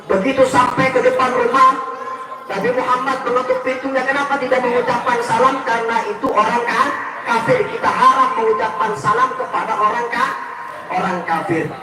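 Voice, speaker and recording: High-voiced preacher, echoey PA. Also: male voice, normal speed, far from the mic. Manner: lively, addresses audience directly. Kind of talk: storytelling sermon. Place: village religious gathering outdoors.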